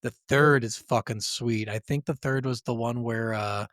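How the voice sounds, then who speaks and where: A podcast co-host chats casually and enthusiastically about gaming, using slangy speech and swearing often. His voice is mid-range, steady in tone and a bit bright, at normal speed, captured in a dry, clean studio recording.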